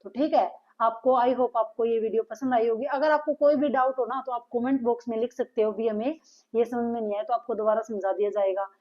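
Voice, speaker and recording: A woman's voice: a little high, fairly even intonation, a little fast. Patient woman teaching a lesson, lo-fi. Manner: patient, asks and answers her own questions. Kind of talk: classroom grammar lesson. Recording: dull lo-fi sound.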